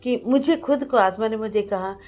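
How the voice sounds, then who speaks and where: A woman's voice: on the high side, moderate pace, darkish tone. A woman giving an earnest personal testimony to a pastor, telling her story vividly and mixing in English words. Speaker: guest sharing a testimony.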